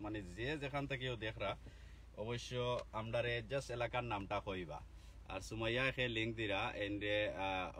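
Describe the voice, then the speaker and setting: A man's voice: on the low side, fairly bright tone. A man from Bangladesh with a Sylheti accent, chatting casually and teasingly on a live stream from a car. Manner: chatty, teasing, peppered with inshallah. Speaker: vlogger livestreaming from a car. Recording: faint background noise.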